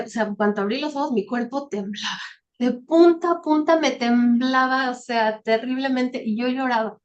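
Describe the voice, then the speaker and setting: A woman tells her testimony in an earnest, emotional way. Her voice sits a little high, and she often ends a thought with a questioning "¿no?". She speaks over a video call. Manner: earnest, emotional storytelling with frequent "¿no?"; shy and soft-spoken, by her own account. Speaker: guest speaker. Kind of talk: personal testimony.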